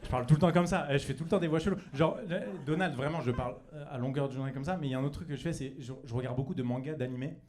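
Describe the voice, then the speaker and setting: A man's voice: medium pitch, rapid-fire, hardly any pauses, a little mellow. A young man performing a stand-up comedy set in a comedy club, chatty and loose, full of fillers and restarts. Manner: loose, chatty delivery with many fillers and restarts, breaks into silly put-on voices. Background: audience laughter.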